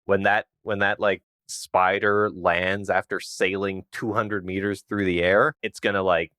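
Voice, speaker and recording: Low-voiced man, easygoing podcast co-host, dry close sound. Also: level tone, unhurried, bright, forceful tone, smooth, no echo. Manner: laid-back, musing, often laughing. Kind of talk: casual chat.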